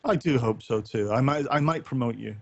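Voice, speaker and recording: With a creaky, medium-pitched voice, a podcast co-host and streamer talks fairly quickly to his live audience, rambling and hesitant but wry. The audio is dry, close, dull and lo-fi, like voice chat.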